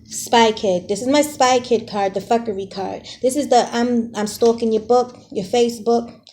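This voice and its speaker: Mellow-voiced woman giving a chatty tarot reading. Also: a little high, fairly even intonation, moderate pace, a little hiss or hum. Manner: chatty and direct, often checks in with "okay?"; playful, with frank slang. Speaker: tarot reader. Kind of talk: casual tarot reading addressed to viewers.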